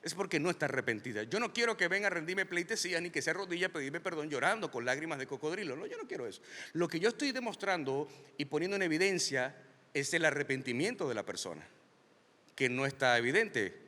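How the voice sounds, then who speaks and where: A man preaching with a high, lively voice that swings widely in pitch. His tone is bright and forceful. He stretches out key phrases, and his voice carries a long hall reverb. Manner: emphatic preaching, slows and rises on key lines. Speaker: pastor. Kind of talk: sermon.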